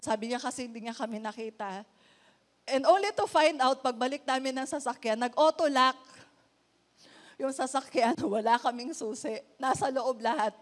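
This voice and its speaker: Female pastor, Filipino accent, heartfelt storytelling sermon; slightly high voice, long church reverb. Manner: mixes English and Tagalog, emotional storytelling. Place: church hall.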